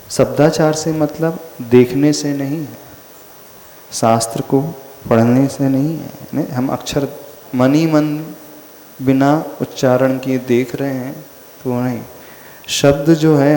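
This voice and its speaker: Slow-spoken monk in an echoey hall. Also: male voice, mid-range voice, warm tone, slight background noise. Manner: slow, questioning the listeners, rhetorical questions. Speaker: Jain monk teaching. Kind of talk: devotional discourse.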